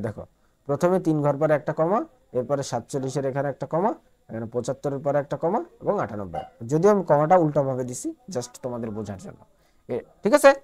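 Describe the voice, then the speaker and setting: This math tutor, a woman from Bangladesh, speaks in a low and slightly mellow voice. Standing at the board, she walks through the lesson one step at a time, restating points and checking that everyone follows.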